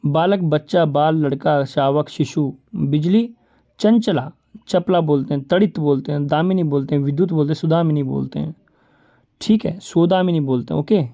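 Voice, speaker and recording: A man's voice: on the high side, mellow. A man teaching an exam-prep vocabulary lesson, reeling off word lists and often repeating "ठीक है". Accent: Rajasthani Hindi. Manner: lists words rapidly, repeating "ठीक है" and "बोलते हैं"; addresses viewers as "दोस्तों" and "भाई".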